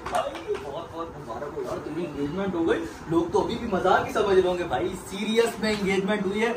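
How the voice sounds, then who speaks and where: A young man vlogging at home during a family celebration, teasing and exclaiming loudly. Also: high voice, brisk, noisy background. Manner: excited, teasing, loud exclamations. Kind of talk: casual chat.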